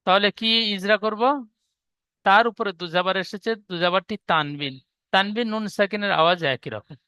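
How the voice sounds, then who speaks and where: A man's voice: high voice, normal speed, pushed and bright, clean tone, no echo. A man teaching an online Quran reading class, patiently explaining rules step by step.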